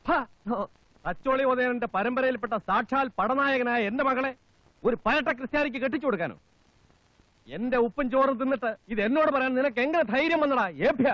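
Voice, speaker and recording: A proud, wealthy father scolds in outrage. His voice is very high and strained. The recording is dry and a bit dull. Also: fairly quick, no room sound. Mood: outraged. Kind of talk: film comedy.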